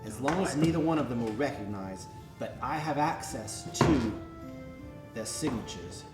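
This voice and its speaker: A man playing a brainy, cautious medieval forger in an improvised role-play, explaining his schemes excitably. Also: medium pitch, normal speed, close to an everyday voice. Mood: crafty. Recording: echoey room, music over the talk.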